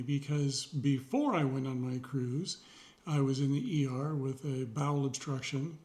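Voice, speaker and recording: A middle-aged man talking slowly and sincerely in a personal video journal, pausing often with fillers and a dry joke now and then. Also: fairly high pitch, darkish tone. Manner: rambling, pausing, many fillers; sincere, reflective, wry. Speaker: vlogger.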